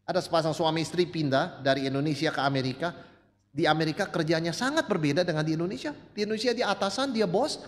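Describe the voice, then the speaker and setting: A male pastor preaching a sermon, telling stories and shifting between loud, high emphasis and soft, low asides as he addresses the congregation. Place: church sanctuary. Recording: long church reverb.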